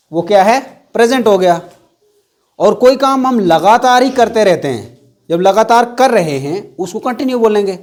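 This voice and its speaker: A man's voice: sits high, darkish tone. A man teaching an English grammar class, asking the students questions and repeating the key words.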